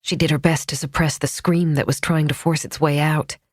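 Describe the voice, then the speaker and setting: Low-voiced woman narrating a thriller. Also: fairly even intonation, no echo. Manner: measured, tense storytelling. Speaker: audiobook narrator. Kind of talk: scripted narration. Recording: dry studio audiobook.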